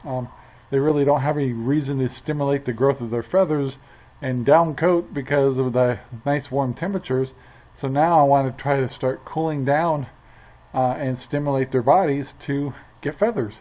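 A man's voice: mid-range voice, steady tone, moderate pace, muffled recording. A man in his sixties chatting casually as a homestead vlogger outdoors by a barn, rambling with lots of fillers and restarts. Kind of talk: casual chat to camera. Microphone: action camera at arm's length.

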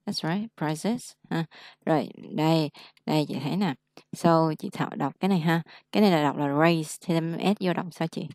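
Woman, young, English tutor, low pitch, dry, patient slow modelling. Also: darkish tone, no room sound. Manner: corrects patiently, models words slowly. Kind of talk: one-on-one pronunciation lesson.

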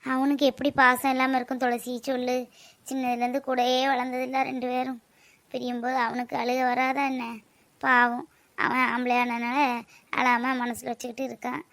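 A woman voicing a tender middle-aged village mother, talking in a soft, coaxing way. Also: high voice, monotone, moderate pace, dry recording. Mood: consoling.

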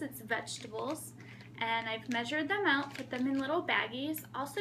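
A flight attendant in her thirties chats casually through a how-to vlog, upbeat and full of ums. Her voice is on the high side, and the camera recording from a small room at home carries background noise.

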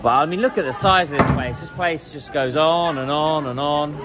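A man's voice: fairly high pitch, normal speed. An English man in his thirties chatting casually as he walks through a market, filming on a phone at arm's length. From England. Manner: chatty, rambling, laughs often. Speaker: vlogger. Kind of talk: casual walking vlog. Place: busy indoor food market. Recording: noisy crowded market ambience. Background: crowd chatter and market noise.

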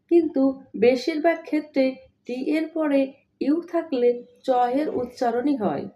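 A woman's voice: sits high, mellow. A woman teaching English pronunciation step by step, repeating each rule twice and spelling words letter by letter. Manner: addresses listeners as dear learners. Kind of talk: slow step-by-step pronunciation lesson.

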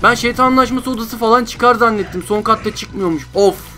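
A man's voice: very high-pitched, a little fast, sharp tone, faint music behind. A young man giving frustrated gameplay commentary, groaning and repeating himself. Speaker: gameplay streamer.

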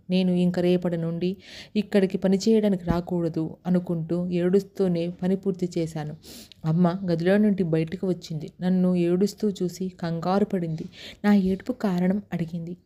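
Mellow-voiced woman narrating a story. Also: fairly low pitch. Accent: Telugu. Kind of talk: first-person story narration.

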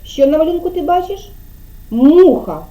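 Over a video call, a woman kindergarten teacher gives a child an online speech lesson, patiently drawing out syllables and prompting. Her dark-toned voice sits high and sing-song at a moderate pace.

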